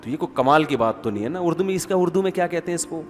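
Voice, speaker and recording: A man's voice: fairly high pitch, expressive, soft background music. A middle-aged man preaching an informal sermon in a conversational, wry way, often repeating words for emphasis. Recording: long hall reverb with faint ambience.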